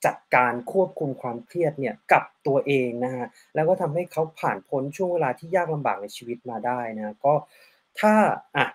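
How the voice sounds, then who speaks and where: A man's voice: medium pitch, animated, a little fast, slightly rough. A man hosting an interview, switching between languages and politely summarizing and translating his guest's answers.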